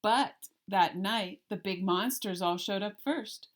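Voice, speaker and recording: A woman reading a children's picture book aloud like a teacher, with deliberate, expressive storytelling and emphasis on the rhymes. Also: mid-range voice. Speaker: elementary art teacher.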